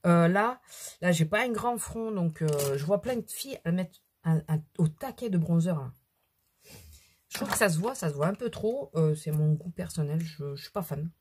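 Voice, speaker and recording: A middle-aged beauty vlogger with a cold chats casually at her mirror at home, rambling through her makeup routine with self-deprecating asides. Her somewhat low, slightly mellow voice has lively intonation at a normal speed, with a little hiss or hum in the background.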